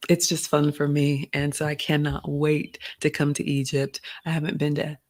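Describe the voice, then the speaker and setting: A Ghanaian-born woman in her forties hosts a live Q&A, chatting casually, reading viewer comments aloud and saying "y'all" and "you all." Her low voice has a level, darkish tone and a normal speaking pace.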